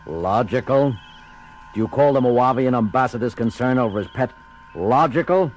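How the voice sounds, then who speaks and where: An actor playing an exasperated, authoritative starship captain in an audio drama, giving clipped orders. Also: male voice, mid-range voice, animated, moderate pace, slight background noise, natural voice, low-quality recording. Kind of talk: dramatic audio theater acting. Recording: music under the voice.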